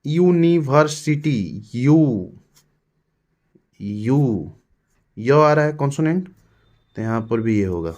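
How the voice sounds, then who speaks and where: A man's voice: medium pitch, lively intonation, darkish tone. Hindi-accented male grammar teacher. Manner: explains step by step, repeating words slowly. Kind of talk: classroom lesson.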